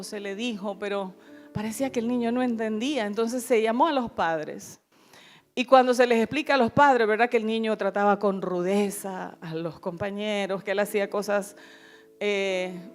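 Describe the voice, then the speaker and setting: A middle-aged woman pastor preaching a sermon in an earnest, pleading way, often calling her listeners beloved. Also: a little high.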